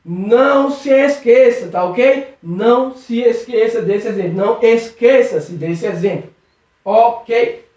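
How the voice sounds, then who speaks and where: A man's voice: extremely high pitch, darkish tone. A man teaching a recorded video lesson, patiently drawing out syllables and checking in with "okay?" again and again. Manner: patient, drawn-out stressing of syllables, constant check-ins. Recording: echoey room, distant muffled mic.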